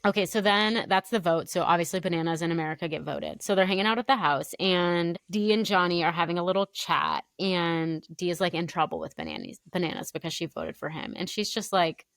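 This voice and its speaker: A young woman co-hosting a casual recap podcast, chatting quickly and acting out quotes in a raised voice. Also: lowish voice, fairly bright tone, no room sound, studio quality. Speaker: podcast co-host.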